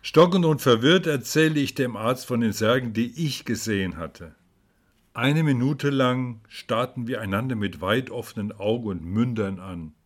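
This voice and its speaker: A man narrates a ghost story in a dramatic reading style. His voice is mid-pitched and swells into cries at the tense moments. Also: animated, normal speed.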